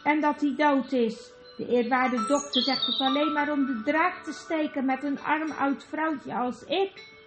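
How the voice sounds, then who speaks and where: A woman voicing a shrill, whining old hag who wheedles and flatters. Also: unhurried, reverberant, over loud music. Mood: wheedling. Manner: wheedling, whiny, drawn out.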